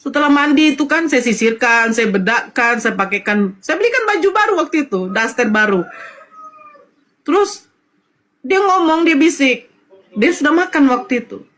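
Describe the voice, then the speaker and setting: A woman's voice: high voice, lively intonation, normal speed, fairly bright tone, low-quality recording. A woman telling her own conversion story in an emotional, tearful way. She repeats her phrases and quotes prayers and relatives as she speaks. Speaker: convert sharing her testimony.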